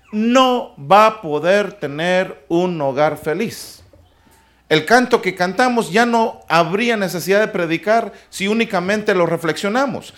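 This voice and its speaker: A man preaching a sermon in a church, lively, with humorous asides and questions to his listeners. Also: high-pitched.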